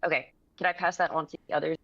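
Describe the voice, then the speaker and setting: A woman playing a tabletop game, chatting casually and haltingly over a dull online call that cuts out. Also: deep voice, steady tone, fairly bright tone.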